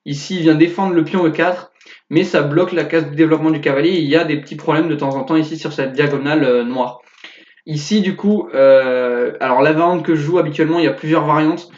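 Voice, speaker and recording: A young man casually commenting on one of his own chess games, thinking aloud with fillers and quick self-corrections. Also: a little high, a little mellow. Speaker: chess youtuber analyzing his own game. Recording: echoey, dull lo-fi sound.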